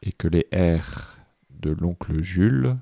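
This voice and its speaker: A man reading a dictation aloud, deliberately repeating each phrase and speaking the punctuation marks. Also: low-pitched, lively intonation, creaky, mellow, no room sound. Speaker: dictation reader.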